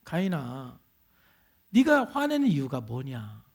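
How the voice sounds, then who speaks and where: A male pastor voicing God as a patient, fatherly figure who gently asks questions and gives earnest counsel. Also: medium pitch, wildly swooping pitch, pitched below the performer's own voice, exaggerated voice. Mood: gently questioning. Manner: kindly probing questions, slow and earnest. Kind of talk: sermon quotation.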